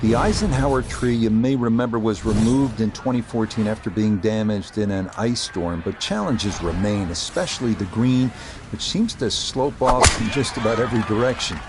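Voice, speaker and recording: A man giving golf commentary as a lead play-by-play announcer, with measured, descriptive delivery. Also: on the low side. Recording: outdoor crowd and ambient noise behind. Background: crowd and outdoor ambience.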